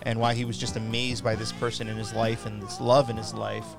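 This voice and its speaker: Male podcast co-host, gravelly, easygoing banter, with music clearly audible underneath. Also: on the low side, level tone, a little fast. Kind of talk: casual chat. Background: recorded music.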